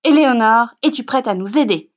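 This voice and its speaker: A woman voicing a cheerful, excitable fox, bouncy and enthusiastic. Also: fairly high pitch, fairly quick. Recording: dull lo-fi recording.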